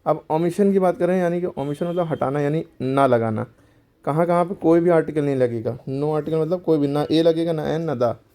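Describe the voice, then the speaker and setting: A man's voice: a little high, brisk, mellow. A man teaching a grammar lesson to schoolchildren, explaining step by step and answering his own questions.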